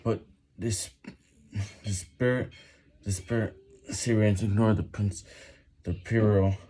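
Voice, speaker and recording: Guy reading out loud slowly while doing pushups, stumbles over words, mellow dark voice, bit of noise. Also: on the low side, level tone. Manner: reading aloud while doing push-ups, effortful. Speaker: reader. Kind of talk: halting read-aloud of a written text.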